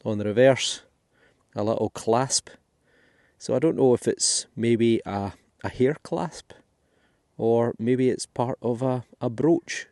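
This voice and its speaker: A man's voice: mid-range voice, slow pace, a little mellow, no echo, clean studio sound. A Scottish man giving chatty, thinking-aloud commentary as he digs finds in a field for his metal detecting vlog. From Scotland. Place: outdoors in a field.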